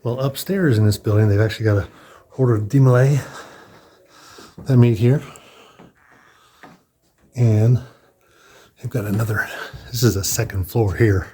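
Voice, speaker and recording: A little slow and prone to long pauses, his low voice is mellow and husky. He tours a building as a vlogger, narrating informally through halls and large rooms, thinking aloud, restarting, and breathing a bit heavily.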